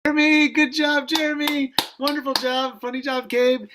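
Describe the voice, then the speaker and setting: A woman's voice: sits high, level tone, normal speed, background noise. A woman casually hosting a theatre showcase over a remote call. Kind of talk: casual event emceeing.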